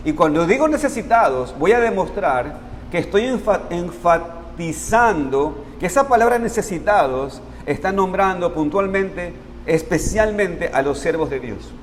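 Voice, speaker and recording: A man's voice: sits high, a little hiss or hum. Earnest man preaching in a reverberant church. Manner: addresses congregation as brothers, earnest and explanatory. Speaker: pastor. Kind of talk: sermon. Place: church sanctuary.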